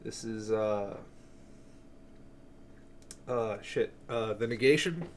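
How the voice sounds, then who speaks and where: A man with a slow, somewhat low voice shows off his cassette collection over slight background noise. He rambles offhandedly, swears freely and keeps interrupting himself.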